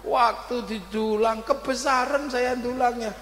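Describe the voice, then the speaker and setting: A man's voice: very high-pitched, a little slow, a crowd in the background. A man giving a humorous sermon to an audience, telling comic stories. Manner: animated comic storytelling with audience laughter. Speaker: preacher. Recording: echoey hall with long reverb.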